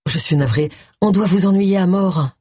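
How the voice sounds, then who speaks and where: A reader voicing George, a quiet, modest male ex-army major, in an audiobook, giving brief, understated answers. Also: mid-range voice, moderate pace, breathy edge, dry recording, studio quality, close to an everyday voice.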